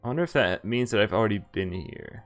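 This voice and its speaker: Streaming a visual novel, a man thinks aloud about choices and reads the story text in first person as live game commentary. His voice is fairly low, animated and fast, with faint music behind.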